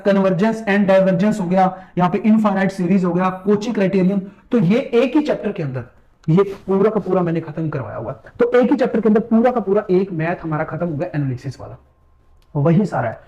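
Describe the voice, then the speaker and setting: A man with a high, mellow voice teaches math in a casual Hindi lecture, dropping English terms throughout. He keeps urging viewers to look carefully as he goes. The sound is dull and lo-fi. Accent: Hindi, mixing English math terms. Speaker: math exam-prep teacher. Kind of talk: screen-share syllabus walkthrough lecture.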